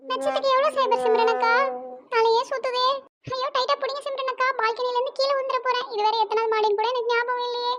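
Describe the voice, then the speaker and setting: Cartoon: woman voicing a cheeky young neighbour, very high squeaky voice, fast and teasing. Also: fairly even intonation, over loud music. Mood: excited. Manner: teasing, giggly, sing-song.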